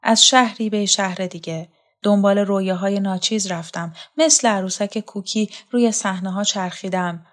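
A woman voicing a lonely, haunted former actress, weary and bitter, in a quiet confessional storybook reading. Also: medium pitch, fairly even intonation, natural voice. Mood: brooding.

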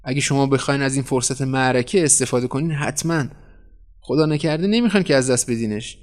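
A man doing a slick editor, cool and salesy, lifts up when pitching, storybook voice. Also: close to an everyday voice. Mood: persuasive. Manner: cool, persuasive, flattering. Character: smooth, scheming middle-aged male newspaper editor.

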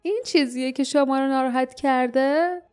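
A woman voicing a weak, wounded and stubborn man who speaks faintly and slowly in an audiobook. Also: high-pitched, darkish tone, soft background music, pitched above the performer's own voice, natural voice. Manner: faint, slow, strained. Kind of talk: audiobook character voice.

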